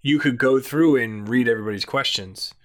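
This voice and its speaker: Mid-30s male podcast host, bright forward voice, swears freely while telling stories. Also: medium pitch, brisk. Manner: loose, profane storytelling. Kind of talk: casual chat.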